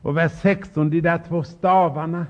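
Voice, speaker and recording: A man preaching a sermon, talking straight to the congregation and shouting out scripture quotes with emphasis. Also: fairly high pitch, fairly even intonation. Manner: talks directly to the congregation. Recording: dull lo-fi recording.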